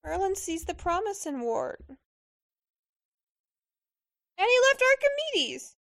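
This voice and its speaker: A woman chatting casually while watching a film, gushing and expressive in her reactions. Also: very high-pitched, takes it slowly. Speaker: movie reaction commentator.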